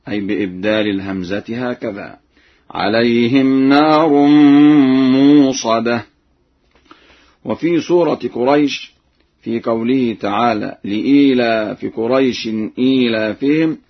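A man gives a slow, deliberate lesson on Quranic recitation, his voice somewhat husky. He stops often to chant the verses in a melodic recitation. The recording sounds dull and lo-fi. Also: mid-range voice. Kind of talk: lesson on Quranic reading variants with recited examples.

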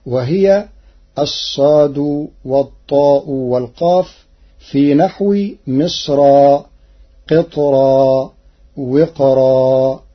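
A man teaching Quran recitation variants in a measured way, quoting each verse and then explaining it. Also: on the high side, husky. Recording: dull lo-fi recording.

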